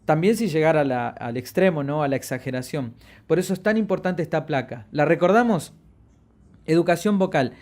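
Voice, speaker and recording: A man leads a voice-training session on projection as a voice and media instructor. He purposely modulates pitch and volume, and the key words he wants to stress come out long and drawn.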